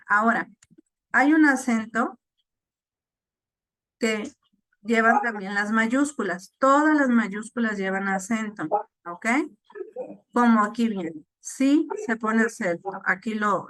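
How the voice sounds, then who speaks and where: A woman's voice: medium pitch, slow, fairly bright tone, no room sound. A woman teacher explaining a lesson to her class, checking in often with "ok?". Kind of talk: online class lecture.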